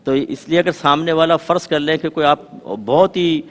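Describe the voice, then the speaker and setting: Brief: male religious scholar, fairly high voice, animated storyteller, long studio reverb. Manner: lively storytelling with folksy examples. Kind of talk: televised religious talk.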